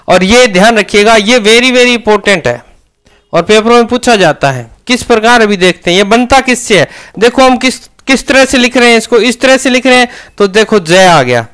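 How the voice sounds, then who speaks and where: A man's voice: sits high, a bit bright, clear, resonant tone. A man with a Rajasthani Hindi accent teaching a grammar lesson, often asking questions and answering them himself.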